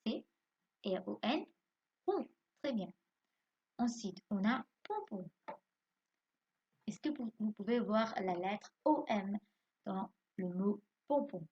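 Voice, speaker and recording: A woman's voice: mid-range voice, expressive, slow, pauses often, husky, muffled recording. A woman teaching young pupils from home, spelling out words letter by letter and quizzing them, then answering her own questions. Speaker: primary school teacher.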